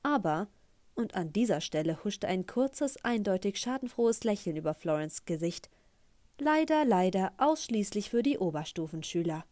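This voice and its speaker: A woman narrating a first-person audiobook in a measured, even storytelling manner. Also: mid-range voice, no echo. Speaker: audiobook reader.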